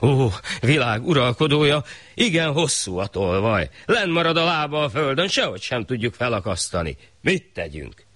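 A man's voice: mid-range voice, big pitch swings, fairly bright tone, dry recording, voice pushed up. A man voicing dutiful executioners in a folk tale, reporting deferentially.

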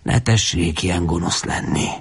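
A man's voice: sits low, husky, full character voice. An actor playing a desperate, thirsty teenage boy who pleads in a raised, cracking voice. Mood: trembling plea.

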